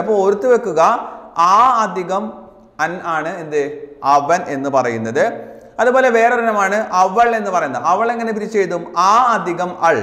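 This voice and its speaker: A man teaching an exam prep grammar lesson, repeating each answer slowly and calling his students children. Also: high-pitched, a bit bright. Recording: echoey room with long reverb.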